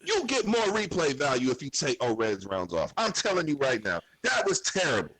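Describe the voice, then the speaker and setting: Man ranting in a lively podcast chat. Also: mid-range voice, fairly quick, slightly rough, no echo, low-quality recording. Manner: animated, profane, insistent ranting. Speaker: podcast guest. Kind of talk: casual podcast recap chat.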